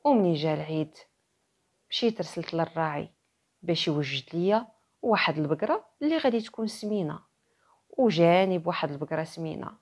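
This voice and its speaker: A woman's voice: low-pitched, darkish tone. A woman with a Moroccan accent voicing a sorrowful old sheikh who earnestly recounts his tale in a folktale. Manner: earnest, storytelling.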